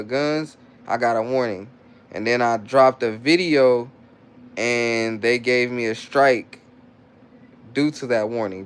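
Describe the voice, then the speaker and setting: Reading chat messages out loud during a casual livestream, a young man responds in loose, rambling slang and keeps restarting himself. He has a clean, mid-range voice.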